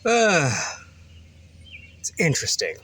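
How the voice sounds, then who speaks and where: Rambling, profane man with lively pitch. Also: takes it slowly, husky. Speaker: delivery driver vlogger. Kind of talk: casual vlog. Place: outdoors on a rural delivery route.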